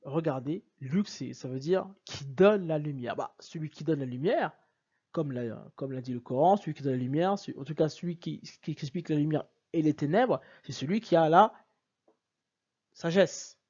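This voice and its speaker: A man's voice: fairly high pitch, moderate pace, a little mellow, slightly rough, lo-fi sound. A man giving an emphatic explanatory lecture over slides, repeating himself and urging the listener to look. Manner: emphatic, repeats "regardez" and "bien sûr". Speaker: video lecturer on word origins.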